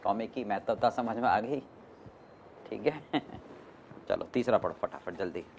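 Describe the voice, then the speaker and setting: A man's voice: on the low side, animated, unhurried, gravelly, highs cut off, slight background noise. A man teaching a class, mixing Hindi and English, often stopping to question his students. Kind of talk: classroom lecture.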